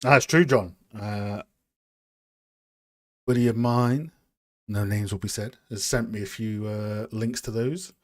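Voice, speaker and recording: A man's voice: on the low side, fairly even intonation, slow pace, pauses often. A man hosting a casual live stream, chatting with viewers in a rambling, self-deprecating way while working on a model. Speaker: streamer and game art host.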